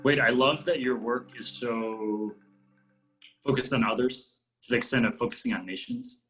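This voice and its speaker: A man's voice: medium pitch, normal speed, fairly bright tone, soft background music, low-quality recording. A man asking casual interview questions in a curious, tentative way.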